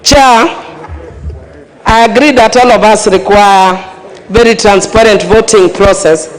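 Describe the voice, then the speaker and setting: A woman's voice: mid-range voice, a little slow. Defiant woman orator with a strained voice, echoing hall. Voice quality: rough, strained voice. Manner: defiant, emphatic, repeats points. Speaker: member of parliament debating from the floor. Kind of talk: impassioned parliamentary speech. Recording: reverberant parliament chamber.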